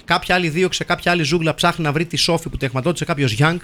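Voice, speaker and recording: A man hosting a comedy show, reading listener film reviews in a wry, mock-solemn deadpan. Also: fairly high pitch. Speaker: host reading listener comments.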